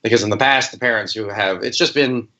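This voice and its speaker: A man's voice: fairly low pitch, fast, bright, forceful tone. A man co-hosting a teaching podcast, talking casually and restarting his sentences as he goes. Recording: dull lo-fi recording.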